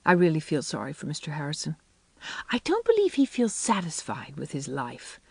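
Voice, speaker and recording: A reader voicing an imaginative, talkative young woman in an audiobook, speaking in a wistful, gushing way with lifted pitch. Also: huge pitch swings, moderate pace, creaky, husky, dry recording, exaggerated voice. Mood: dreamy, eager. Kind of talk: audiobook character voice.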